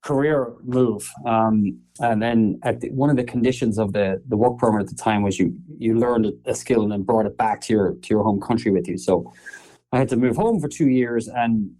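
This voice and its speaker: Irish man with a dark mellow voice. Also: on the low side, moderate pace, poor audio. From Ireland. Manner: chatty, laughs often, storytelling. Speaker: guest, soccer marketing executive. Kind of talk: casual podcast interview.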